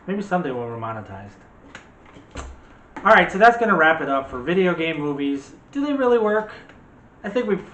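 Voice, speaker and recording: His voice runs on the high side, pushed and bright, as he hosts a movie channel's casual discussion with teasing, playful banter. The setting is an echoey indoor room, and faint background noise can be heard.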